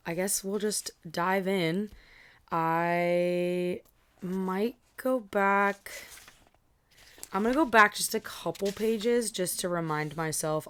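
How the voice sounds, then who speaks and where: A young woman streams a read-along for a live audience, chatting casually with lots of fillers and asides. Her voice is lowish with a clean tone, though tired and a little scratchy.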